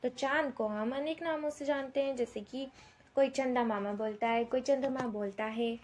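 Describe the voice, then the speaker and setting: A woman teacher, slowly dictating answers word by word to young schoolchildren, repeating each question. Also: sits high, darkish tone, a little hiss or hum. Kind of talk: slow dictated Hindi lesson for young children.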